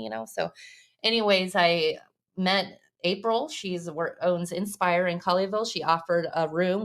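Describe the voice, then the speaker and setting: Chatty woman with a lowish voice. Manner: chatty storyteller who laughs often and acts out her own quotes. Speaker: massage business owner, guest. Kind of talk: casual conversational interview.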